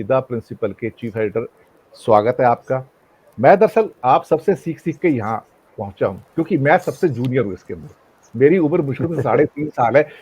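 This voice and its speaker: A man hosting a panel discussion, welcoming guests and posing earnest rhetorical questions with emphatic pauses. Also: medium pitch, darkish tone, slightly rough, dull audio. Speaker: host.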